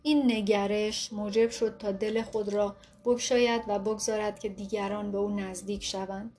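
A woman narrating a self-help book in a calm, steady reading voice. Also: medium pitch, a little hiss or hum. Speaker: audiobook narrator.

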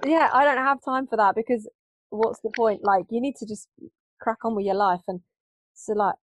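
A woman's voice: on the high side, fairly even intonation, moderate pace, poor audio. A woman hosting a podcast in loose, casual chat full of fillers. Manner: conversational, loose, lots of fillers. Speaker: podcast host.

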